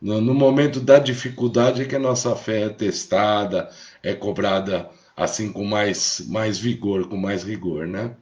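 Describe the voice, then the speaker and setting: Hosting a live stream, this Rio de Janeiro-born Brazilian keeps things casual and reassuring, frequently tossing in quick tag questions. He speaks a little slowly in a fairly low, slightly mellow voice, over dull, lo-fi stream audio.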